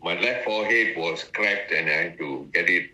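Speaking at a moderate pace, a Malaysian man in his 90s, a former ambassador, shares leisurely, good-humoured stories during an interview. His low voice sounds pushed and bright, captured in a low-quality recording.

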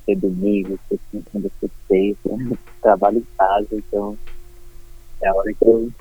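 Husky Brazilian man on a phone call. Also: lowish voice, little pitch movement, normal speed, dry recording, faint music behind. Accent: Brazilian Portuguese. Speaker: interview guest. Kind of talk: casual slangy phone chat.

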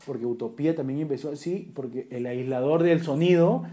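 A man with a Peruvian accent tells a story among friends in a warm, mellow tone. His talk is animated, full of street slang and casual swearing. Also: mid-range voice, fairly quick. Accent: Peruvian Spanish. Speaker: podcast co-host.

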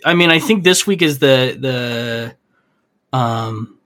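Guy on a gaming podcast, rambles on, lots of ums, middle pitch. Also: expressive, takes it slowly, bright, forceful tone. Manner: rambling, many fillers and restarts. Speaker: podcast co-host. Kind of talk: casual chat.

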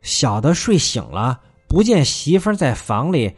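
A man's voice: fairly high pitch, sing-song, unhurried, husky, faint music behind, exaggerated voice. A man voicing a hapless male servant in a storytelling performance, protesting and pleading. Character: hapless male servant, blunt and hot-headed.

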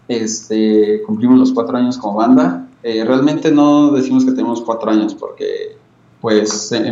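A man's voice: medium pitch, a little mellow. A man with a Mexican accent chatting casually as an interview guest over an internet call from a small room. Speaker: guest, band bassist. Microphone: video call. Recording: echoey, distant, dull internet call.

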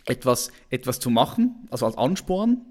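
A man's voice: medium pitch, sing-song, normal speed, a little mellow. A man hosting a video call interview, talking casually and often repeating his words. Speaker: interview host.

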